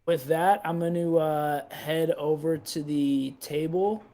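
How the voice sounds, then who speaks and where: A man's voice: a little high, fairly even intonation, slow, dark tone. A man playing a tabletop game, describing his character's actions politely with some hesitation. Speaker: player. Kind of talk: casual game chat.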